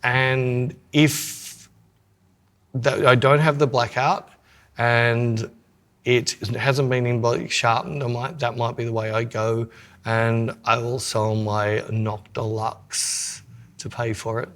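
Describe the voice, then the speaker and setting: A man's voice: mid-range voice, level tone, slow pace, a bit bright. A man with an Australian accent co-hosting a podcast, chatting casually in a rambling way. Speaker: podcast co-host.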